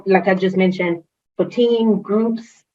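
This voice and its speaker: A woman guest, an HR consultant, talks enthusiastically in a casual interview, with frequent fillers and restarts. Her first language is French; she grew up speaking French and Creole in a Haitian family. She takes it slowly in a steady, medium-pitched voice, and the sound is lo-fi with a little hiss or hum.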